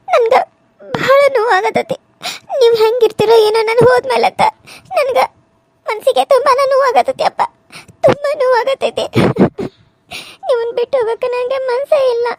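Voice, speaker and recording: A woman's voice: very high-pitched, no room sound, voice pushed up. A woman doing a crying young bride. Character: young bride, tearful at leaving home.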